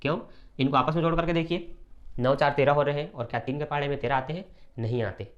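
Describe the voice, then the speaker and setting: Fast-talking man teaching math. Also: fairly high pitch, highs cut off. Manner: brisk, repetitive, often checks "simple" and "okay". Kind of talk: step-by-step classroom math lesson.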